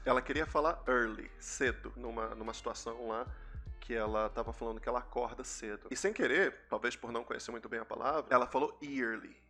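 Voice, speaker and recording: A man's voice: medium pitch, vocal fry, a bit bright. A young Brazilian man with a Brazilian Portuguese accent, giving a chatty English lesson and explaining pronunciation with repeated examples. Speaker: English teacher. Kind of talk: casual YouTube English lesson.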